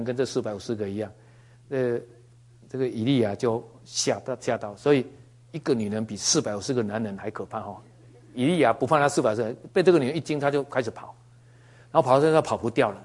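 Man, conversational Bible teaching, joking asides, folksy preacher, mid-pitched voice.

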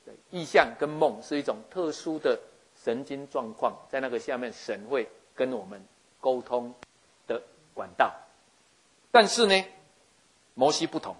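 A man giving a lively sermon, acting out scenes and often checking that his listeners follow. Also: mid-range voice, a little slow, long pauses, slightly rough. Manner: animated, acts out scenes, keeps asking listeners if they follow. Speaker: preacher.

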